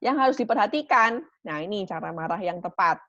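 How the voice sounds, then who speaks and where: A woman's voice: mid-range voice, lively intonation, a little fast, no room sound. A woman giving a parenting talk. She explains patiently and often closes her points with a short tag question. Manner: warm teaching tone with frequent "gitu ya" tags. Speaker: parenting speaker. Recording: dry, dull lo-fi recording.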